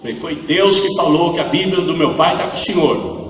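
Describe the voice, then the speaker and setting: A man's voice: fairly high pitch, a little fast, far from the mic, dull audio. A man with a Brazilian Portuguese accent giving an emotional church testimony, acting out the dialogue as he tells the story. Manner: acts out dialogue, grows louder and impassioned. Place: church hall. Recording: echoey hall, voice from afar.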